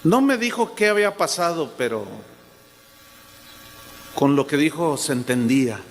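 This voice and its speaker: A man's voice: on the high side, expressive, measured pace, slight background noise. A man preaching a sermon as a pastor, speaking emphatically, repeating key words and addressing the congregation directly. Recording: long hall reverb.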